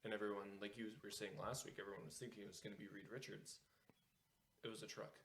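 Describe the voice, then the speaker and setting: A man's voice: lowish voice, little pitch movement, fast, fairly bright tone. A man co-hosting a casual gaming podcast, upbeat as he explains comic lore. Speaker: podcast co-host. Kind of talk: casual chat.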